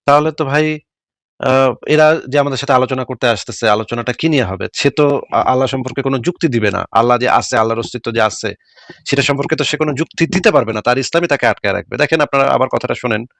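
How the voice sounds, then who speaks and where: A man hosting a live stream, commenting quickly and mockingly with rhetorical questions. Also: medium pitch, creaky, fairly bright tone, dry recording, clean studio sound.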